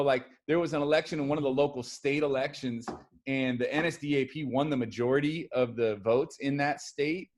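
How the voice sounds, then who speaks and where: A man teaching a history lesson in a relaxed, chatty way, acting out what historical figures said. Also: medium pitch. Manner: animated, acts out quotes of historical figures. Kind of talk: casual classroom lecture.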